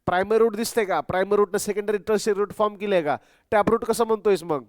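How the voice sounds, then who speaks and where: A man's voice: high-pitched, quick pace, a little mellow, no room sound, clean studio sound. A young man teaching a biology class. He keeps asking the students questions and mixes English terms into his speech. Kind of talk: classroom lecture.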